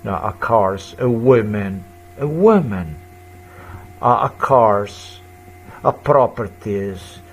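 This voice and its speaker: A man's voice: fairly low pitch, expressive, slow, long pauses. A man in his fifties delivering an agitated, repetitive ranting monologue in broken, non-native English grammar. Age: 50s.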